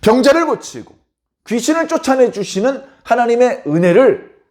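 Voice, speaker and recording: A man's voice: very high-pitched, very animated, moderate pace, a little mellow. A man preaching a dawn sermon as a pastor, telling the story dramatically and acting out the people in it. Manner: dramatic, acts out biblical characters in voices.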